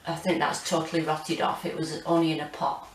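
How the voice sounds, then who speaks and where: A British woman in her forties chatting casually and hesitantly as she gives a rambling home gardening tour, with a monotone, self-deprecating manner. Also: low voice, a little fast, slight background noise. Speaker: gardening vlogger. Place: small home kitchen and windowsill, indoors.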